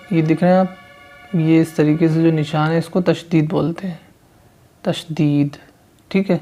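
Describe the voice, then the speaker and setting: A man teaching Quran reading, patiently spelling out letters and syllables one at a time. His voice sits a little high and comes through smooth and clear. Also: a little mellow. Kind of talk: spoken lesson with recitation drills.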